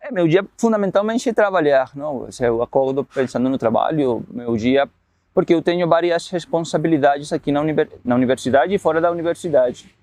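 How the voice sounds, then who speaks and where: A man working in a university refugee program, speaking in a documentary interview. He explains his ideas in a reflective, measured way. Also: a little high, lively intonation, darkish tone, no echo.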